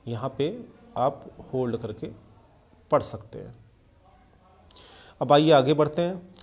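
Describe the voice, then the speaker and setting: A man teaching English grammar in a video lesson. He explains slowly with examples and often checks that listeners follow. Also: medium pitch, animated, a little mellow, a little hiss or hum.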